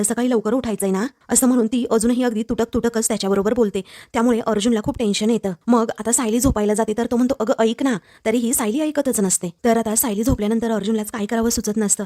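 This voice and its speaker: A woman recapping a drama serial episode as a fast storytelling narration. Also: on the high side, dark tone. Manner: brisk, reads quoted dialogue in her own voice.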